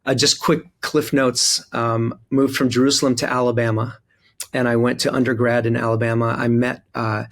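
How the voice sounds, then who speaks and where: A man in his forties from Israel/Palestine, a priest speaking thoughtfully in an interview with frequent pauses and fillers. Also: medium pitch, little pitch movement, fairly bright tone. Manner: thoughtful, hesitant with many fillers. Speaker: Episcopal priest, guest. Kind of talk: interview conversation.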